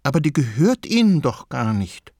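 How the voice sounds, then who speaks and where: A man voicing a proper, spirited old grandmother in a children's storybook, speaking up indignantly in a higher, put-on voice. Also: big pitch swings, normal speed, darkish tone, no room sound. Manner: indignant scolding. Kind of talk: storybook reading.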